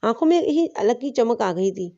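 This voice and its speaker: Woman, novel narration, steady reading, dark mellow tone, muffled lo-fi recording. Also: fairly high pitch. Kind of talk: scripted narration of a romance novel. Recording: muffled lo-fi audio.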